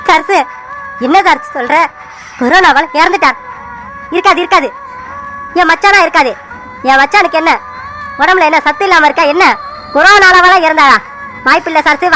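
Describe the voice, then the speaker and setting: A woman's voice: very high voice, normal speed, pauses often, bright, forceful tone, soft background music, poor audio. A woman voicing an insistent, agitated middle-aged village man in a cartoon who refuses to believe bad news.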